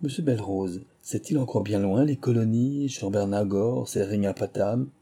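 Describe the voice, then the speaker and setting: A man's voice: lowish voice, normal speed, dark tone, slightly rough. Man doing a tipsy, naive young recruit.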